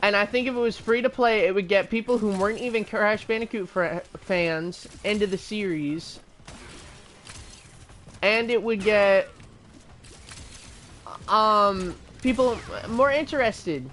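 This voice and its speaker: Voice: mid-range voice, unhurried, long pauses, a bit bright, a little hiss or hum. A gaming streamer in casual live-stream commentary, rambling and chatty, drifting into tangents and restarts.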